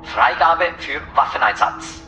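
A man's voice: a little high, animated, unhurried, pushed and bright, reverberant, soft background music, voice pushed up, heavily acted, rough recording. A man voicing a male military radio controller who gives curt orders over a radio.

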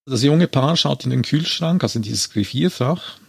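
A man's voice: mid-range voice, lively intonation, normal speed, gravelly, slightly rough, no echo, clean studio sound. A man casually retelling a film scene by scene in a chat. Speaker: podcast co-host retelling a film.

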